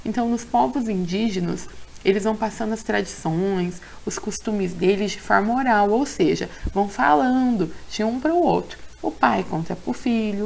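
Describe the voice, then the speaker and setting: A woman's voice: medium pitch, vocal fry, a little mellow, slight background noise. A young Brazilian woman teaching a remote lesson to young children, patient and sing-song, often checking in with the class. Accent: Brazilian Portuguese. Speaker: primary school teacher.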